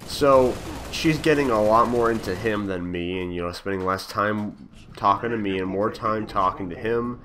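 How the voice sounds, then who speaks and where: A man's voice: lowish voice, normal speed, background noise. A young man telling a story from his school days over game footage, rambling with many fillers and restarts. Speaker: gaming channel host. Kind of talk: casual storytelling over gameplay.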